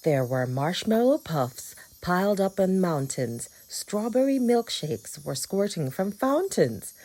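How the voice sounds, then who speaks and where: Woman, children's read-aloud, expressive rhyming lilt, unhurried. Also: on the low side. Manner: expressive, rhythmic rhyming delivery. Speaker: storybook reader.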